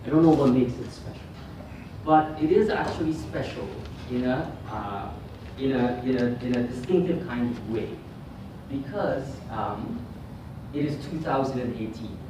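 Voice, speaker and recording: A middle-aged man from Guyana gives a conference lecture as a guest speaker, his mid-range voice animated but halting, with frequent ums and restarted sentences. He is recorded from some distance in a very echoey hotel hall, with room noise clearly audible behind him.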